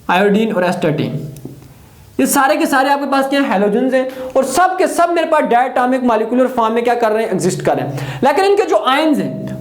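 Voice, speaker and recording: A male chemistry teacher, lecturing students by posing questions, answering them himself and repeating key terms. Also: very high voice. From Pakistan. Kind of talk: classroom lecture. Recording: echoey room.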